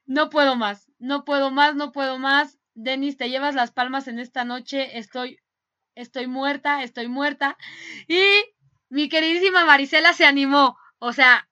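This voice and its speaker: A woman hosting a fan radio show, reading listener messages in casual chat and gushing with frequent laughter. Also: sits high. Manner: laughs often, gushing and excitable.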